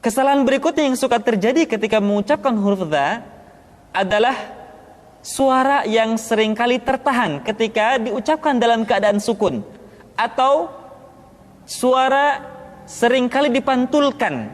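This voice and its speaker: Brief: high-pitched male recitation teacher, unhurried drills, long echoing reverb. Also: animated. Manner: slow, deliberate, drawing out demonstrated syllables. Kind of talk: pronunciation lesson. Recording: long reverb, echoey room.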